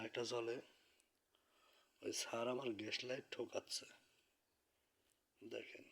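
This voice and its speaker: Man, home vlogger, hushed late-night talk into a phone, breathy and even. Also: mid-range voice. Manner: speaks softly to keep from waking neighbors. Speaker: pet bird vlogger. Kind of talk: quiet night-time vlog narration. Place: indoors at home, in bed.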